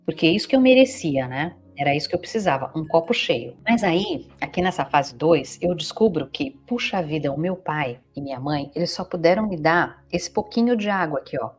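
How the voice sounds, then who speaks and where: A woman with a Brazilian accent teaches in a somewhat low voice. She explains step by step and keeps checking in with her listeners. Faint music plays softly behind her. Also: lively intonation, fairly quick, few pauses. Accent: Brazilian Portuguese. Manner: explains patiently, often checking in with "né?" and "tá?". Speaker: psychologist and family constellation teacher. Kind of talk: explanatory teaching talk to viewers.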